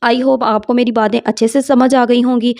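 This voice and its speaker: A woman talks straight to her viewers, giving relationship advice. Her voice is fairly high with a gravelly edge. She explains with examples and asks rhetorical questions. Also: flat delivery, darkish tone. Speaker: advice channel host.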